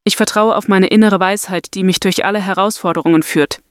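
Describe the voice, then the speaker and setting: A woman leads a guided meditation in a soft, soothing voice. Her pitch sits in the middle range, and each phrase is delivered slowly and deliberately, like scripted affirmations. The sound is close and dry. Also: fairly even intonation, dry recording.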